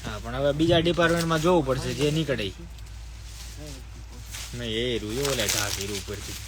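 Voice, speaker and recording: A man's voice: mid-range voice, fairly quick, crowd noise. A man who runs a shop and hosts a live sale from the air-conditioned shop floor. He sounds sleepy and chats with viewers, breaking off to give his staff orders. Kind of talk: live-stream sales talk.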